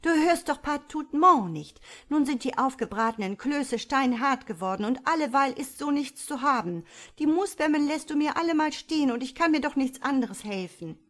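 Brief: fretful old mother, scolding and lamenting, high and loud, as a woman reader puts her on. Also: animated, normal speed, lightly acted.

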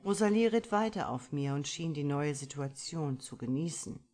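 Woman with a pretty low voice narrating an audiobook, steady and expressive. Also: moderate pace. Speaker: audiobook reader. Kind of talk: scripted first-person story narration.

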